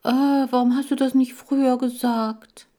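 A woman's voice: medium pitch, animated, slow pace, dark tone, pitched above the performer's own voice. A woman voicing a touchy, nervous male hamster who talks through his nose in a whiny, snippy way. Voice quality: nasal.

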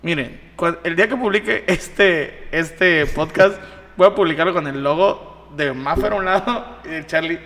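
A man's voice: a little high, moderate pace, pushed and bright, in a large hall. A man with a Mexican accent hosting a podcast, teasing his guests in casual banter. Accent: Mexican Spanish. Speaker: podcast host. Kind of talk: casual chat.

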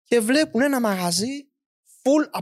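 A man's voice: very high-pitched, animated. A man telling a story in casual chat, rambling, with many fillers and acted-out quotes. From Greece.

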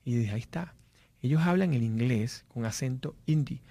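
A man's voice: medium pitch, moderate pace, mellow, no room sound. A man giving a motivational business talk, telling anecdotes with many fillers and restarts. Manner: storytelling, frequent fillers and restarts. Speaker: business speaker.

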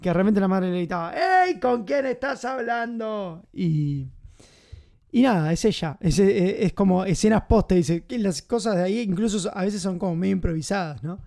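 Chatty Argentine man with a high voice. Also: normal speed, gravelly, dark tone. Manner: chatty, enthusiastic, many fillers. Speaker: film commentator host. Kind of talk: casual film commentary.

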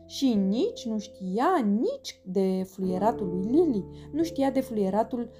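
Femeie, poveste pentru copii, lectură expresivă, voce cam înaltă, muzică pe fundal. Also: female voice, on the high side. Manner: lively expressive reading. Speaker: narrator. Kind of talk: children's storybook reading. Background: background music.

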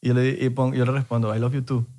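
A man's voice: medium pitch, little pitch movement, fast, warm tone. A young man with a Venezuelan accent chatting casually on a podcast and giving blunt opinions in slang. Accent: Venezuelan Spanish. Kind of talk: casual chat.

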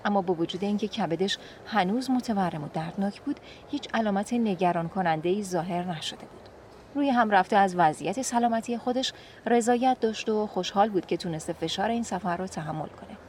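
A woman calmly narrating a story in an even reading voice. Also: medium pitch, slight background noise.

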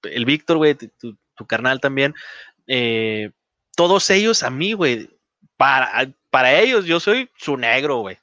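A man's voice: mid-range voice, big pitch swings, measured pace, sharp tone, dry recording. A man with a Mexican accent hosting a podcast in casual conversation, rambling with lots of fillers and laughing often. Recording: dull, dry podcast audio.

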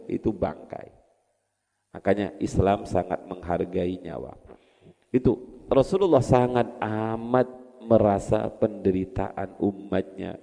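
A man's voice: low-pitched, vocal fry, warm tone. A middle-aged man with a Javanese accent, teaching a religious study lecture in a folksy, humorous way and acting out the stories. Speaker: Islamic cleric teaching classical texts. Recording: hall with long reverb.

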